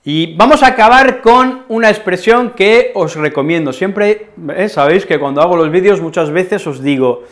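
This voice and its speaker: Spanish guy teaching a lesson, slightly high voice, keeps checking in with the viewers. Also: moderate pace, few pauses. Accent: Spain. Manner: expressive, frequent "¿vale?" and "¿eh?" checks. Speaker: Spanish teacher, channel host. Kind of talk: language lesson to camera.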